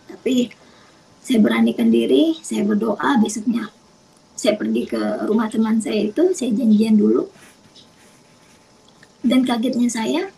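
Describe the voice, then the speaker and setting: A woman from South Sulawesi, Indonesia, tells her faith testimony in an earnest storytelling way. She speaks softly and often slips into a whisper. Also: on the high side, gravelly, slight background noise, rough recording. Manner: soft, often slipping into a whisper. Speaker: convert giving a testimony.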